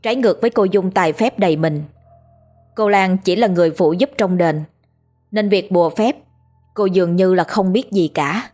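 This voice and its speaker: A woman's voice: on the low side, soft background music. Woman narrating a horror story. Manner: steady, measured storytelling.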